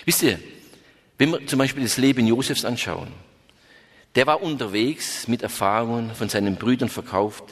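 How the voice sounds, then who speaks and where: A man's voice: medium pitch, moderate pace, fairly bright tone, breathy edge. A man preaching a storytelling sermon, addressing his listeners with questions. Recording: reverberant hall.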